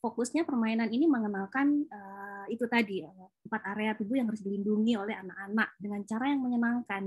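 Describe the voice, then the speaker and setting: A woman's voice: a little high, a little mellow, breathy edge. A woman, presenting a board game she co-created in a chatty, explanatory way, with frequent fillers. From Java, Indonesia. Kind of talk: informal presentation.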